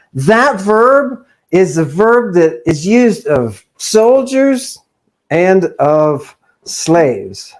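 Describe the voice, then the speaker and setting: A man's voice: sits high, a little mellow. A man giving an informal lecture on ancient texts, rambling, repeating phrases and checking in with "right?". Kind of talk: informal lecture reading from a text.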